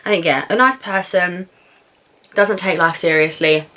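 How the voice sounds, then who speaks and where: A young British woman in a casual Q&A vlog, chatting informally and frankly while eating, thinking aloud with pauses. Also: fairly low pitch, bright, forceful tone. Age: young adult. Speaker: vlogger answering viewer questions.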